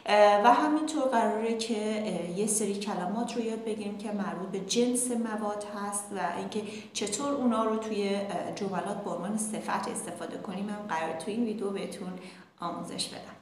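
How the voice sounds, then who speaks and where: Woman teacher giving an online lesson, upbeat, slows way down for examples, really echoey room w faint noise. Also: mid-range voice. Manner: lively, addresses viewers as kids, slows down to model English phrases. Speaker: English teacher.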